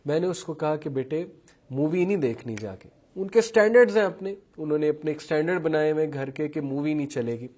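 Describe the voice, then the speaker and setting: A parenting lecturer with a fairly high pitch and dark tone gives a talk on parenting styles, going through traits one by one and mixing English terms into his speech. In his examples, he acts out what parents and children say.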